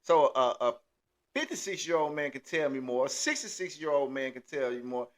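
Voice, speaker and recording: A man's voice: a little high, brisk, a bit bright. A man hosting a casual chat, rambling with many restarts and filler phrases. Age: 30s. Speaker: podcast host.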